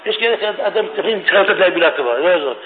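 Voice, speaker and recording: A middle-aged man preaching a fiery religious sermon, swinging between shouting and hushed tones. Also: sits high, lively intonation. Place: religious study hall. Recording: tinny phone-like radio recording.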